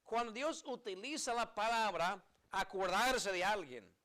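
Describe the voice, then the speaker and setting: Slow, bright-voiced preaching pastor. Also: male voice, high-pitched, lively intonation. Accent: American. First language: English. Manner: earnest preaching, slow emphatic phrasing, repeats key words. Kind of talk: sermon.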